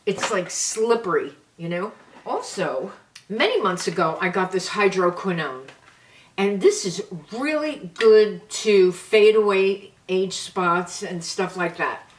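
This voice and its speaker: Unhurried older New woman, distant mic. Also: medium pitch, animated. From New York. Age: 70s. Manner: chatty, homey, shows items one by one. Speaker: beauty vlogger. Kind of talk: casual product chat to camera. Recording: slightly distant mic with faint hiss.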